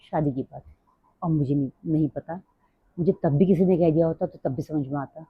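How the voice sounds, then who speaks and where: A middle-aged woman talking fast and rambling in a casual personal vlog. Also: low voice, husky, no room sound. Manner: rambling, drifts off topic. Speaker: vlogger. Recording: dry, tinny phone-like sound.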